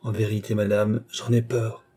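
A man's voice: lowish voice, level tone, moderate pace, warm tone, breathy edge. Man doing a frightened young lady companion. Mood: fearful. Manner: anxious, pleading.

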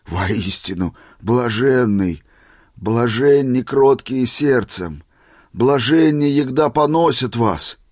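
A man reading aloud, voicing a rapturous, excitable old man who keeps exclaiming. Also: deep voice, slow pace, few pauses, husky, no echo, studio quality, exaggerated voice. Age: older. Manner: exclaiming, ecstatic. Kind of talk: dramatic story reading.

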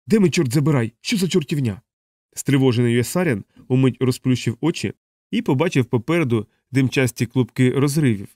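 A man narrating a novel aloud in an even, measured reading voice. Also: mid-range voice, dry recording, clean studio sound. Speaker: audiobook narrator. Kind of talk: scripted narration.

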